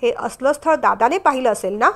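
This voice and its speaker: A caring but stern young divorced man in a storybook reading, as a woman narrator voices him. He speaks firmly, with concern under the scolding. The voice sits high. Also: animated, fairly quick, fairly bright tone.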